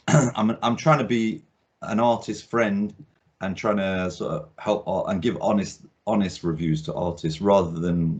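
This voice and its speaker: The recording is dull and lo-fi: a man with a low, slightly mellow voice hosts a casual video-call interview as an art critic. His talk rambles, peppered with ums and restarts.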